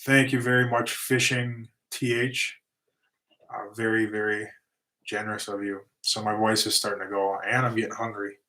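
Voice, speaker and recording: A middle-aged man who runs a lawn and concrete business takes viewer questions on his livestream. His lowish voice barely moves in pitch, keeps a moderate pace and sounds pushed and bright, but it's fading with fatigue. He rambles casually, restarting and using plenty of fillers.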